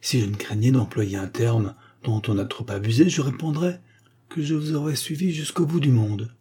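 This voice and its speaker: A man's voice: mid-range voice, normal speed, mellow, husky, close to an everyday voice. A man voicing a gallant young officer. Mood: earnest. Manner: polite, earnest. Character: gallant young male officer, eager and courteous.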